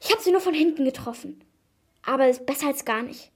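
A woman's voice: fairly high pitch, normal speed. Woman doing eager young girl detective. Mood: determined.

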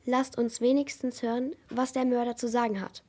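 A woman's voice: on the high side, flat delivery, normal speed, mellow, close to an everyday voice. A woman voicing an urgent, commanding crew leader. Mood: firm.

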